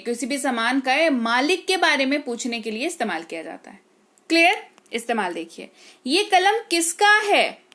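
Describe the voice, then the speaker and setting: A woman's voice: high-pitched, fairly bright tone. A woman teaching a language lesson, spelling words out letter by letter and often checking "okay?" with her students. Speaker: English teacher.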